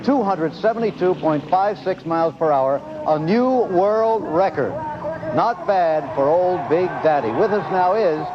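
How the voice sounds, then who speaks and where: A man hosting a sports broadcast, giving measured, reflective scripted narration. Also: high voice, animated, background noise. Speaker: host narrator. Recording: dull lo-fi broadcast audio. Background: loud music bed.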